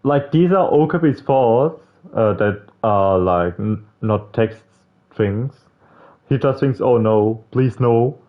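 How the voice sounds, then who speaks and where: The audio is narrow and tinny as a man of medium pitch takes his time reading a visual novel aloud. It's a casual let's play with stumbles, some cursing, and personal commentary, set against game music.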